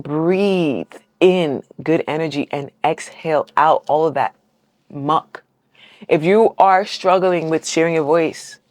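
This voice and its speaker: A woman's voice: deep voice, a little mellow, no echo. A woman giving a casual collective tarot reading to her viewers. She talks in an encouraging, affirming way, keeps checking in with "right?", and is heartfelt, close to tears at times. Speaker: tarot reader.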